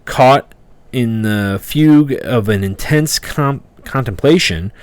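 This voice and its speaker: A man narrating a tabletop fantasy game as game master, conversational and descriptive, a bit halting as he improvises. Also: mid-range voice, no echo.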